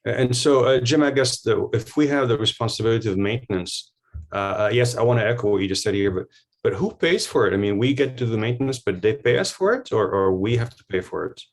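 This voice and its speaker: A man's voice: medium pitch, expressive, quick pace. A man commissioner asking stumbling questions with lots of uh at a public meeting.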